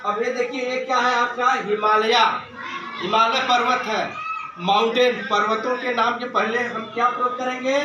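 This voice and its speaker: A man's voice: very high voice, little pitch movement, normal speed, muffled recording. A male teacher giving a grammar lesson, asking questions and answering them himself, and calling his students "beta". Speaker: school English teacher. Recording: echoey room from far off, noisy.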